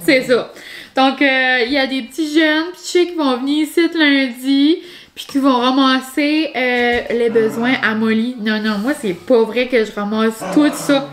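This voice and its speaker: A woman's voice: high voice, fairly even intonation, unhurried. A woman talking casually to her vlog camera at home, rambling and chatty with lots of fillers. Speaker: vlogger. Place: home, indoors.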